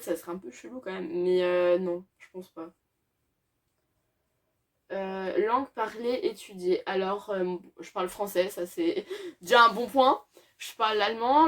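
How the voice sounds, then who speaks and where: A teenage girl chatting through a list of questions for her channel. She talks casually with many hesitations and fillers, breaking into small laughs now and then, her voice at an ordinary middle pitch. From France. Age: teens. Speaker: YouTuber. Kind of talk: casual Q&A tag video.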